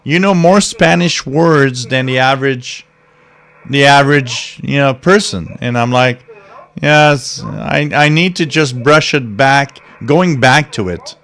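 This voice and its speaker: Slow and gravelly, this man's medium-pitched voice still carries a fairly bright tone. On a live radio stream he co-hosts, he chats loosely and rambles through stories with frequent fillers and restarts, laughing at his own anecdotes.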